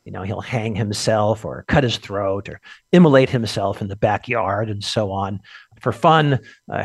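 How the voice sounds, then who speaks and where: A man, a film critic, calmly describing a classic movie on the radio with frequent "uh"s. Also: medium pitch, no echo.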